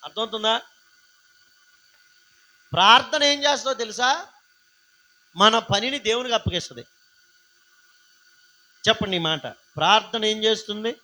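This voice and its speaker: A man's voice: high voice, a little slow, pauses often, sharp tone, rough recording. A man pastor preaching a live sermon, singing refrains and calling out questions to the congregation. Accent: Telugu.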